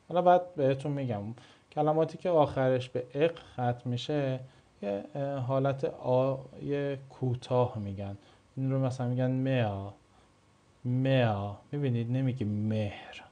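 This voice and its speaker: Mellow-voiced man teaching German. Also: medium pitch. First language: Persian. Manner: explains slowly, repeats example words. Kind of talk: video lesson.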